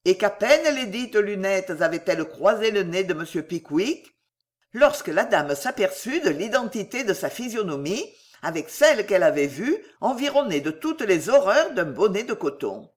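A woman reads a classic novel aloud in a theatrical, expressive manner. Her intonation is lively, moving freely across a middle-pitched voice. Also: normal speed. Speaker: audiobook narrator. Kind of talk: scripted narration of a classic novel.

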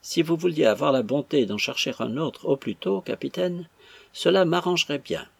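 A man's voice: on the high side, lively intonation, moderate pace, vocal fry, slightly rough, no echo, pitched above the performer's own voice, full character voice. A man voicing a touchy young male servant who protests in a tearful, whining manner. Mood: wheedling.

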